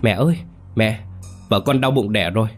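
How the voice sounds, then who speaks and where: A man voicing a worried young husband who talks in an anxious, hurried way. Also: fairly low pitch, soft background music, close to an everyday voice.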